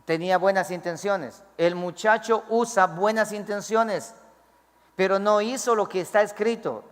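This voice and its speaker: A man's voice: high voice, measured pace, big-room sound. A man preaching a sermon as pastor, acting out pleading prayers in a raised voice.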